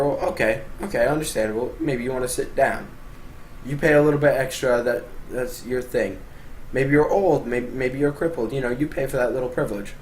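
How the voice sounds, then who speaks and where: A young man telling an exasperated, profane storytime rant, swinging between shouting and muttering. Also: a little high, a little hiss or hum. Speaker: vlogger. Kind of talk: ranting storytime monologue.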